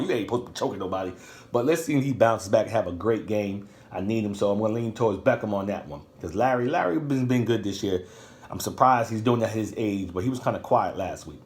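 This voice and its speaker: A man hosting a podcast, giving casual fantasy football predictions in loose slang and thinking aloud with ums and uhs. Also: lowish voice. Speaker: podcast host.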